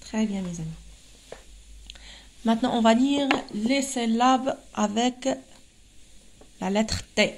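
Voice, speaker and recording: Lady teacher, slow slow patient syllable by syllable, kinda high voice. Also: slight background noise. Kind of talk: slow, carefully spaced reading lesson for young children.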